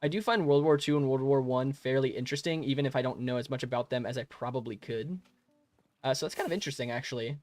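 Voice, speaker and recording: A young adult man live streams while he plays, chatting casually with viewers and answering chat. His medium-pitched voice is fast and a little mellow, and he's friendly and rambling, laughing often and restarting sentences. He's on a modest home microphone.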